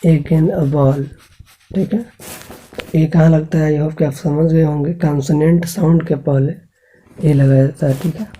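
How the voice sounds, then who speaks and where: A man's warm, high-leaning voice comes through poor audio with a little hiss or hum, flat in delivery and moderate in pace. In his English grammar lesson for school students, he spells sounds out patiently, keeps checking with the class, and answers questions he raises himself.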